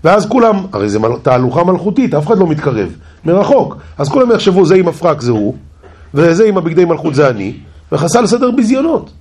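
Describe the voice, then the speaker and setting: A scheming royal adviser, male and panicky, as a man puts him on, rushes his words in a husky, wheedling voice. His pitch leaps about as he bargains and plots in this comic storybook telling. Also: very animated, a little mellow.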